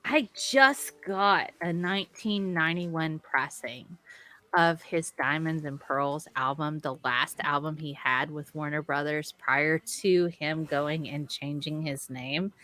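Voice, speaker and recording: A woman's voice: low voice, takes it slowly, pushed and bright. A woman co-hosting a podcast in casual comedy chat, chatty and playfully teasing. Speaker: podcast co-host.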